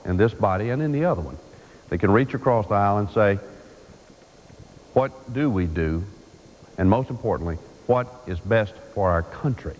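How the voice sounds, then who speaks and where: A man giving a measured formal speech as a senator in a large chamber, pausing often with fillers, heard from a worn tape copy. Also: on the low side, darkish tone, in a large hall, slight background noise, rough recording. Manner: measured, halting with frequent fillers. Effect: worn VHS tape copy.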